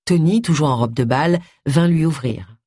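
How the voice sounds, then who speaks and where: A woman narrating an audiobook in a calm, measured reading voice. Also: low voice, husky, no room sound, clean studio sound. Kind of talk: scripted narration.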